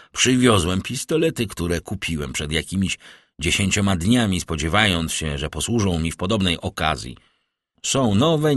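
A man narrating a classic novel as an audiobook, lifting his pitch for the characters' lines. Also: no echo, clean studio sound.

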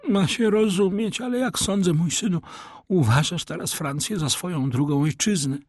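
A man's voice: high-pitched, normal speed, no room sound, clean studio sound, pitched above the performer's own voice. A man voicing a solemn, pompous aging Italian major posing as a father, in an audiobook reading. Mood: solemn, sly. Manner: solemn, declaiming.

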